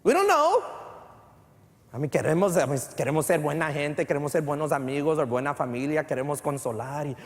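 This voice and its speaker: Fervent high-voiced pastor in reverberant church. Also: male voice, sing-song, normal speed. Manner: mixes English phrases into Spanish; repeats words, builds to fervent emphasis. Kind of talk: bilingual church sermon. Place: church sanctuary.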